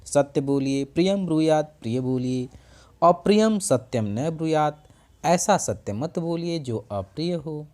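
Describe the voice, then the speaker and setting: A male teacher walks his students through a classical verse, chanting it in an unhurried, drawn-out way before unpacking each word. His pitch swings widely as he stresses phrases and repeats them, and he pauses to correct himself mid-explanation. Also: a little mellow. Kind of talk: explaining a school Sanskrit lesson in Hindi.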